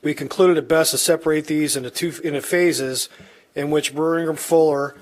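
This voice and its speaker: Guy with a slightly higher voice reading a formal staff report at a town meeting. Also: fairly even intonation, a little fast. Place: public meeting room.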